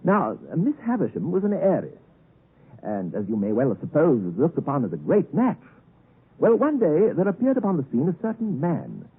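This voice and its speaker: Heard on a tinny, muffled 1950s radio broadcast, this young English gentleman has a husky, slightly high voice that he exaggerates at a normal speed. He is acting in a radio drama as a cheerful, tactful, genteel young Londoner, sounding genial and courteous and speaking in a mannered, digressive way.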